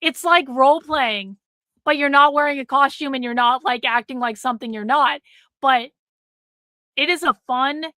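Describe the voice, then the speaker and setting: This middle-aged woman's voice sits high and has a sharp tone, recorded with no echo. Hosting a livestream, she talks casually and bluntly to chat, cursing freely and repeating herself for emphasis as her voice wears out.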